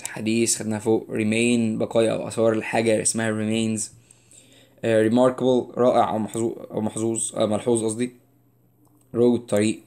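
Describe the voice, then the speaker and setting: An Egyptian man in his young adult years runs through an English word list. He says each word, then explains it in relaxed everyday Arabic. His loudness swings between lively, louder stretches and softer, quieter ones. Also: on the low side. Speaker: English teacher. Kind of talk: vocabulary lesson.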